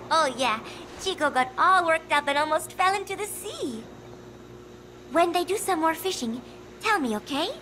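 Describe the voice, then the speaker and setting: Brief: soft, drifting young girl in a game, high and slow, with clear noise behind. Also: lively intonation, exaggerated voice, low-quality recording. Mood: fond. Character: frail gentle teenage girl, tired and sweet. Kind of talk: video game cutscene acting.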